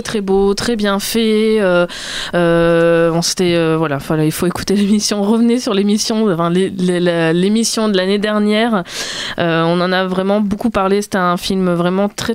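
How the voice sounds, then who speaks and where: A woman's voice: mid-range voice, clean tone, no echo. A young woman chatting on a radio film show, presenting her favourite films of the year with enthusiasm and some self-deprecating humour. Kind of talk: casual chat, presenting a year-end film list. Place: radio studio.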